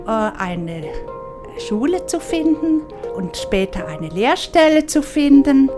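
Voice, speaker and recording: A woman's voice: high voice, sing-song, slow, music in the background. A woman, a volunteer tutor, speaking hesitantly with many filler sounds in an interview. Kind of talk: interview statement.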